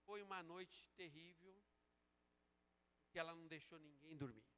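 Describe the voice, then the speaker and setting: A man preaching a sermon as a pastor, moving between slow emphatic calls and quieter storytelling. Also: a little high, clean tone. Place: church sanctuary. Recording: church sanctuary with long reverb.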